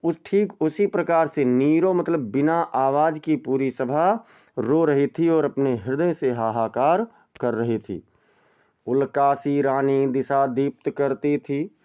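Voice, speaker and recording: A male teacher with a smooth, resonant voice and a mid-range pitch walks through a poem verse by verse. He recites each verse slowly, then explains it in plain everyday words. The recording sounds a little muffled and lo-fi. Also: mellow. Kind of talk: explaining a Hindi poem line by line.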